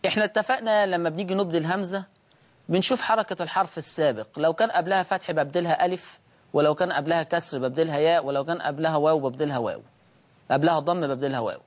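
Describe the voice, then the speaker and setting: Man, Egyptian accent, recitation teacher, slow repetition, questions then answers. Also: fairly high pitch. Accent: Egyptian Arabic. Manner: repeats words slowly, asks and answers his own questions. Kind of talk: teaching lesson on Warsh recitation.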